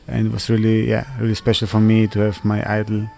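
A man from Switzerland in his thirties, answering interview questions in halting non-native English full of fillers and restarts. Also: on the low side, completely flat delivery, creaky, warm tone. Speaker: interviewee, footballer.

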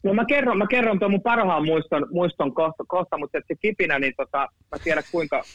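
A man in his fifties telling stories in a relaxed chat. He rambles, doubles back on his words and drops casual swear words. His dry voice comes through a slightly dull, lo-fi recording. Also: high voice, no room sound. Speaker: guest. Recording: dull lo-fi sound.

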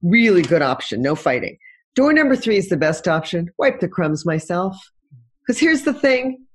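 A woman's voice: on the low side, big pitch swings, moderate pace, breathy edge. A middle-aged woman, a relationship coach on a talk show, telling stories expressively and acting out the dialogue. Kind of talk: animated talk-show interview.

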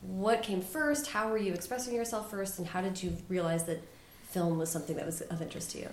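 A woman's voice: mid-range voice, fairly quick. Upbeat podcast host woman in a roomy space. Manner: upbeat, enthusiastic. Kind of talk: casual interview.

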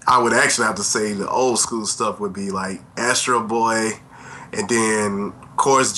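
A middle-aged man with a low, forceful, bright voice chats as a podcast co-host. He rambles casually through memories, self-deprecating and full of verbal asides. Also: a little hiss or hum. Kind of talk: casual chat, reminiscing.

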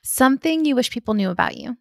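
Upbeat woman host, gravelly voice. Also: high voice, expressive, fast, no echo, clean studio sound. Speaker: podcast host. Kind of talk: casual interview.

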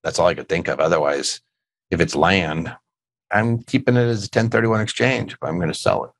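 Deep male host, middle-aged, rambling dad-humor tax chat, dry close sound. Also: brisk, gravelly, no echo.

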